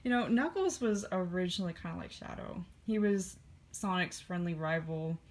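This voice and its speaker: Low-voiced woman chatting offhandedly. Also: expressive, moderate pace. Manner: rambling and offhand, with dry asides. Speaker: collector flipping through old comics. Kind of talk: casual vlog chat.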